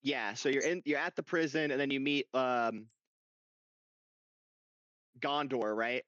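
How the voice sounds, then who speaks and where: A young man in casual podcast chat, telling a game story with excitement and frequent swearing. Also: mid-range voice, a little slow, smooth, no room sound. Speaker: podcast co-host. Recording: dull lo-fi dry sound.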